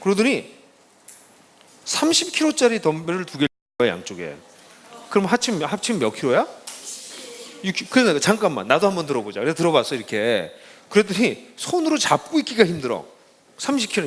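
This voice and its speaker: Lively middle-aged male pastor. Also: on the high side, fast, husky, in a large hall. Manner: lively storytelling, casual speech to young listeners. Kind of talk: informal talk to students.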